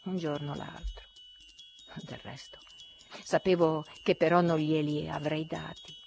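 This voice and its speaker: A woman reading a classic novel aloud in an expressive, dramatic way. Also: sits low, unhurried, vocal fry, soft background music. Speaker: audiobook reader. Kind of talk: literary audiobook reading.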